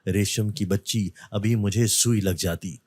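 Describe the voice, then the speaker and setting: A man's voice: lowish voice, fairly even intonation, unhurried, darkish tone, husky, no room sound, studio quality. A man voicing an indifferent, lazy beggar husband who grumbles and brushes things off. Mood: grumbling. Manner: grumbling, dismissive.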